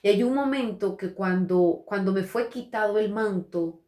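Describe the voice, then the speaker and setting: A woman's voice: medium pitch, normal speed, warm tone. Earnest woman pastor preaching in an echoey room. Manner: hesitant, restarts and repeats words; earnest preaching, addresses listeners directly. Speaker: pastor and prophet. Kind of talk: testimony sermon. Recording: roomy echo.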